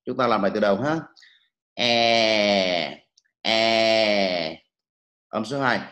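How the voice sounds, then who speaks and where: A man's voice: mid-range voice, racing, fairly bright tone, roomy sound. A man teaching English pronunciation, patiently repeating each sound for students to copy. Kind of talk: pronunciation lesson with repetition drills.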